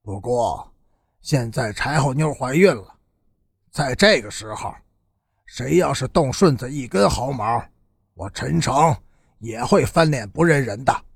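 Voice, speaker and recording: A man reading a storybook voicing a stern, blunt young gang leader in a lowered, husky voice. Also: expressive, measured pace, no echo, studio quality, exaggerated voice.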